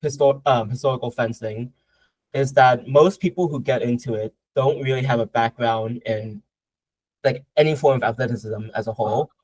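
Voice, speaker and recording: A man's voice: medium pitch, normal speed, a little mellow, no echo, rough recording. A young man from Southern Vietnam, answering interview questions casually, with a lot of hesitation, fillers and restarts. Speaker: guest martial artist.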